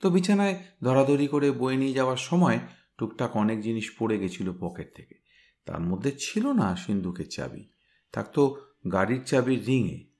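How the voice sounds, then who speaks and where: A man reading a story aloud, voicing a smart young woman who briskly recounts a crime scene. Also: mid-range voice, expressive, a little mellow, close to an everyday voice. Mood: animated, brisk.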